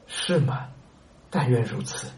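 A man's voice: mid-range voice, expressive, a little slow, a little mellow, pitched below the performer's own voice, close to an everyday voice. A man voicing a downtrodden male servant who keeps pleading and complaining about his lot. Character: downtrodden male servant, whiny and self-pitying.

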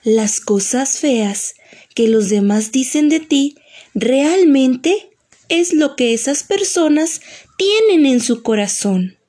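A kind, glowing fairy with a sweet, tender and encouraging voice, as a woman acts her out in a children's audio story. She speaks high and unhurried, coaxing and warm in her words. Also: animated, exaggerated voice.

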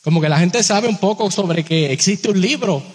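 High-voiced preacher in an echoing hall. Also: male voice, breathy edge. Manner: addresses listeners directly with rhetorical questions; slows down on key phrases, shifts pitch a lot. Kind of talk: sermon. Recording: long hall reverb.

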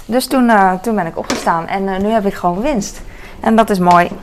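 A middle-aged woman vlogs casually in her home kitchen, rambling and using lots of fillers. Her mid-range voice moves fairly quickly over heavy background noise, with dishes and cutlery clattering and clinking close by.

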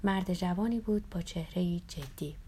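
A woman reads a memoir aloud in a calm, somber way, her voice sitting a little lower than most. At times she drops to a near whisper as she tells it. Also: a little hiss or hum. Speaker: narrator.

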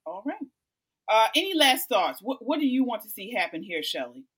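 Fairly high-voiced woman moderating a panel. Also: sing-song, moderate pace, a bit bright, husky. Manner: direct, presses with repeated questions. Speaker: host, debate moderator.

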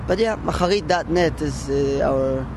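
Chatty Israeli band member outdoors. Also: male voice, on the high side, moderate pace. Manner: animated, chatty, restarts often. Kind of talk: casual interview chat. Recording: outdoor street noise behind.

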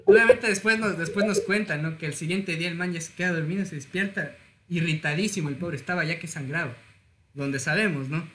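A young man, chatting on a podcast and telling lively stories with frequent laughter. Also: fairly high pitch, a little fast. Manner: animated storyteller, laughs often. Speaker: podcast host. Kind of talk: casual chat.

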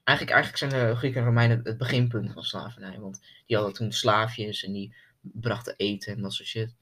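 A man's voice: on the low side, fairly even intonation, a little fast, sharp tone. A young man in a loose, slangy casual chat as podcast co-host, often repeating himself.

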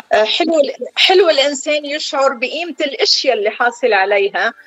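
A middle-aged woman with a Lebanese accent, a chef speaking over the phone as a guest on a call-in interview, telling her story calmly and without hurry. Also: sits high, fast talker, no room sound. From southern Lebanon. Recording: dull phone line.

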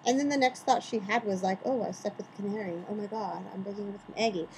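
A podcast co-host chats casually, opinionatedly building her arguments through rhetorical questions. Her mid-range, darkish voice moves fast, and the low-quality recording has slight background noise.

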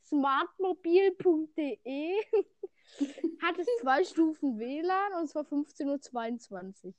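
Giggly teenage girl, high and unhurried. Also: lively intonation, no echo. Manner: giggly, playful. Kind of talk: casual chat game.

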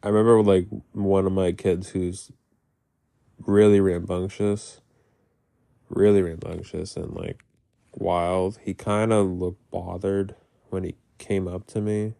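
A man with a gravelly, phlegmy voice, congested from being sick, talking casually about his life in a halting, rambling way. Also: low-pitched, little pitch movement, mellow. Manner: halting, rambling, heavy use of "like"; casual swearing. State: sick, congested with mucus in throat. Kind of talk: casual personal diary-style talk.

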